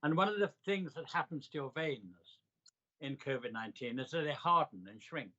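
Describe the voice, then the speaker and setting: An older man telling reflective personal stories in an interview, with a measured, emphatic delivery in short, deliberate phrases. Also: a little high, expressive, bright, forceful tone, highs cut off. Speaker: interviewee recounting a hospital stay.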